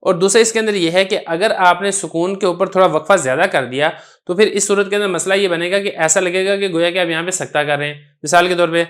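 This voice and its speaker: Man, Pakistani Urdu accent, tajweed teacher, patient and repetitive, fairly high voice. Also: a bit bright. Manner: patient, repetitive explanations with recited examples. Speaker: Quran recitation teacher. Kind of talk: tajweed lesson explaining a text.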